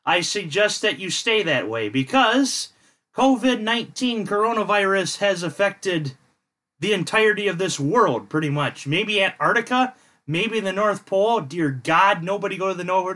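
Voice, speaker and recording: A man with a high voice hosts a casual podcast, talking in a jokey, rambling way and wandering into tangents. His tone is bright and lively. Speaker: podcast host. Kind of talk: casual chat.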